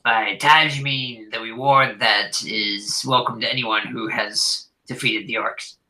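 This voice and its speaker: A pompous, plump male mayor with a nasal, whiny voice, talking down to adventurers in a tabletop game, as a game master puts him on. The tone is bright and forceful. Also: mid-range voice, fairly even intonation, unhurried, far from the mic, rough recording. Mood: haughty. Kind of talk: game master voicing a character.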